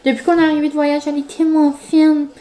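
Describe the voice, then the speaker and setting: High-voiced chatty woman vlogger. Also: level tone, fast, warm tone. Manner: chatty and rambling, many fillers. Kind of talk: casual vlog chat. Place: home, indoors.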